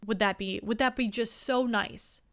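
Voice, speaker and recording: A woman's voice: a little high, steady tone, normal speed. A young woman hosting her show with a rambling, self-mocking comic monologue. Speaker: comedian host.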